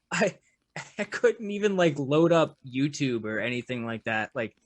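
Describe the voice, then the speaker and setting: A man's voice: medium pitch, very animated, normal speed, noisy background. A man, a musician guest on a podcast, chatting casually in a laid-back way with frequent laughs. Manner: laid-back, laughs often, trails off quietly. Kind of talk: casual chat.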